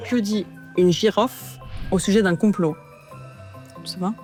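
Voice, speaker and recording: A woman's voice: mid-range voice, unhurried. A woman contestant bantering casually and telling riddle-style jokes. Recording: clear music behind the voice.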